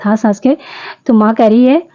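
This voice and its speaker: A woman's voice: on the high side, normal speed, warm tone, dull audio. A woman in her fifties narrating her home vlog in a chatty, homely way, speaking straight to her viewers. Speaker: vlogger. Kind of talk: casual vlog voice-over narration.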